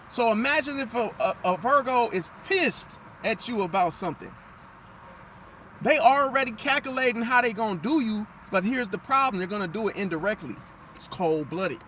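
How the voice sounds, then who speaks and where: Speaking to his viewers in a casual monologue, a man who comments on astrology preaches emphatically in a high, slightly hoarse, bright and forceful voice. He keeps returning to his point, repeating himself and posing questions he then answers, over a faint hum of street traffic.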